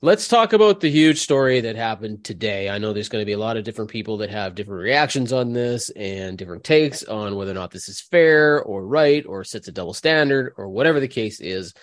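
A man's voice: mid-range voice, animated, brisk, dry recording, clean studio sound. A man hosting a podcast, talking through news in a casual, conversational way. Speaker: podcast host.

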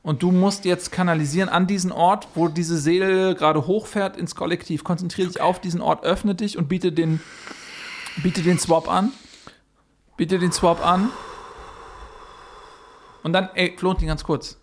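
A man's voice: sits high, fairly even intonation, moderate pace, long pauses, a little hiss or hum. A man co-hosting a comedy podcast, giving bossy, mock-solemn instructions as a spirit summoner. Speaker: podcast co-host. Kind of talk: improvised comedy podcast chat.

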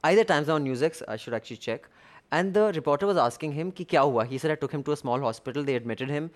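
A man's voice: a little high, fast. A man with an Indian accent hosting a conversational discussion of the news. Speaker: discussion host.

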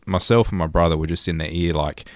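This low-voiced Australian man, in his thirties and from rural New South Wales, talks fast while co-hosting a podcast and sharing stories in a relaxed, chatty style. The recording is dry.

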